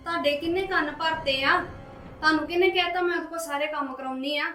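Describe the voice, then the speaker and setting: A woman's voice: high-pitched, quick pace, bright, forceful tone, reverberant. A woman playing a bossy young wife in a family drama, defensive toward her mother and sneering at her sister-in-law.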